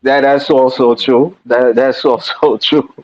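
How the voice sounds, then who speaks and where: A man hosting an interview over a video call, asking questions in a halting, hesitant way. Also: medium pitch, steady tone. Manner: halting, hesitant, many ums and restarts. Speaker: interview host. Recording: dull lo-fi audio.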